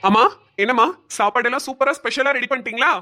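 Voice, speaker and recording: A woman doing a bold young man in a cartoon, bright and forceful, coaxing and protective toward an older woman he treats like a mother. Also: on the high side, fairly even intonation, fast talker, pitched below the performer's own voice. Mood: concerned. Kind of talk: cartoon voice acting.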